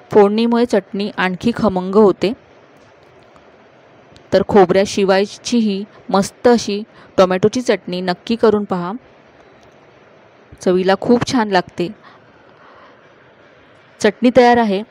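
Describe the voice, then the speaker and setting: A woman hosting a cooking channel, calmly narrating each step of a recipe to viewers in a voice-over. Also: mid-range voice, slow pace, pauses often. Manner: calm, instructive, addressing viewers directly.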